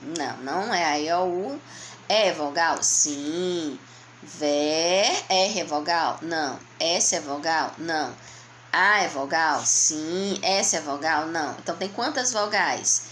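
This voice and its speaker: Patient Brazilian schoolteacher, low voice. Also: female voice, expressive, fairly bright tone, a little hiss or hum. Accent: Brazilian Portuguese. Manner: patient, slow, explaining step by step to young children; answers her own questions in a child's voice. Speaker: primary school teacher. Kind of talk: remote lesson walking through a workbook.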